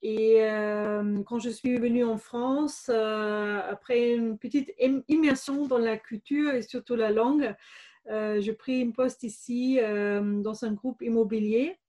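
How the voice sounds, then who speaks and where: A woman's voice: on the high side, steady tone, takes it slowly, warm tone. A woman in her forties with a German accent, a guest speaking hesitantly with many fillers in an interview. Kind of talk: interview testimony.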